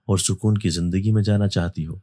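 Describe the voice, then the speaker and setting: A man voicing a mysterious young male jinn with a heavy, gentle, soothing voice. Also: sits low, steady tone, no room sound, clean studio sound, close to an everyday voice.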